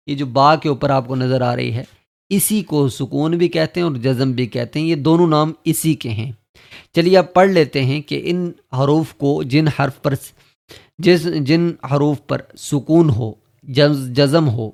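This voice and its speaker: A man's voice: a little high, creaky. A man teaching Quran reading, patiently drilling letters and syllables one by one. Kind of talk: step-by-step lesson.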